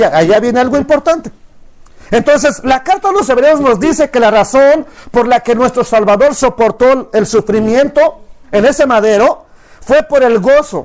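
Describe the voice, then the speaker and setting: A man preaching a sermon to a congregation, emphatic and full of rhetorical questions. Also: very high-pitched. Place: church service before a congregation.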